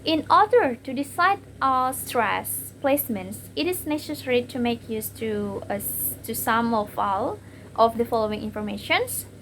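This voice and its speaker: A woman's voice: fairly high pitch, lively intonation, unhurried, a bit bright, a little hiss or hum. A young woman giving a class presentation on word stress, hesitating with fillers and repeating each example word.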